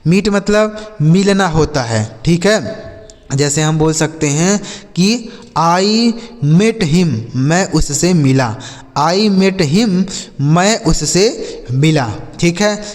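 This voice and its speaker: A man teaches English words at a slow, careful pace, spelling each one out letter by letter. His voice sits somewhat high. A long reverb trails behind him. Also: lively intonation. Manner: spells words letter by letter, repeats example sentences slowly. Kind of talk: slow spelling and vocabulary lesson.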